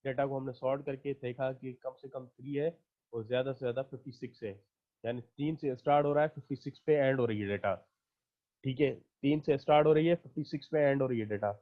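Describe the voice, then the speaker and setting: A man's voice: medium pitch, steady tone, fairly quick, narrow, tinny audio. Patient male teacher counting aloud. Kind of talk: online math lecture.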